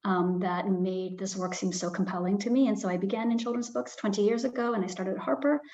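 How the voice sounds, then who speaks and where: Woman, publisher, panel talk, thoughtful, halting restarts, mid pitch, muffled lo-fi sound. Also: a little mellow. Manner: thoughtful, frequent ums and restarts. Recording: slightly dull lo-fi sound.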